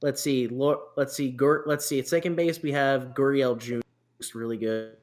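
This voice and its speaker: A man's voice: medium pitch, steady tone, normal speed. A man hosting a casual sports podcast, rambling through a list with many restarts, fillers and self-deprecating asides. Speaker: podcast host.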